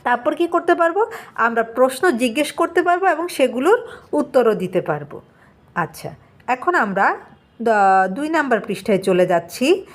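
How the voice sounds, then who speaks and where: A woman's voice: high-pitched, expressive, moderate pace, pauses often. A woman, teaching an English lesson, explaining step by step with many small fillers and frequent check-ins. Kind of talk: classroom lesson explaining a textbook.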